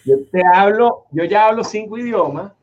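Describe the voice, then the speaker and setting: Speaking at a normal speed with lively intonation, a man with a high, slightly mellow voice hosts a casual interview from a home office in Florida. He rambles, with lots of restarts and fillers. The audio is dull and lo-fi.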